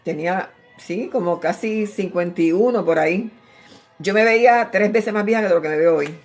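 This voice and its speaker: A woman's voice: medium pitch, normal speed, soft background music. A woman, preaching informally and telling her own testimony. She speaks straight to the listener, repeating phrases and calling them brother. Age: 60s.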